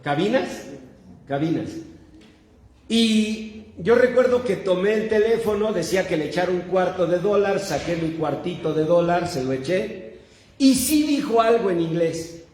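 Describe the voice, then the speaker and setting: A man with a Mexican accent preaching a sermon, telling a story slowly with acted-out dialogue. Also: high-pitched, a little mellow. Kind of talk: sermon with humorous anecdote. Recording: long echoing hall reverb.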